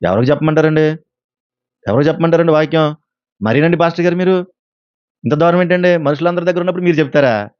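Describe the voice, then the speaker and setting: A man's voice: fairly high pitch, quick pace, long pauses, smooth, no room sound. A male pastor preaching a sermon, telling a story and asking the congregation questions. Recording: dull lo-fi sound.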